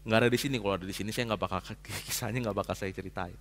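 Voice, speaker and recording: A man preaching a sermon as a pastor, telling a personal story in casual slang and swinging from hushed to loud. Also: on the low side, fairly even intonation, fast talker, a little hiss or hum. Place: church hall. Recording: long hall reverb.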